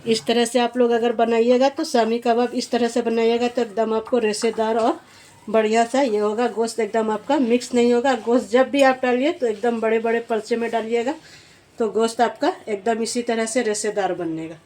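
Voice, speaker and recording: A woman's voice: on the high side, fairly even intonation, normal speed, a little mellow. A woman, hosting a home cooking demonstration in a homely, repetitive way, often restarting her words. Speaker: cooking channel host.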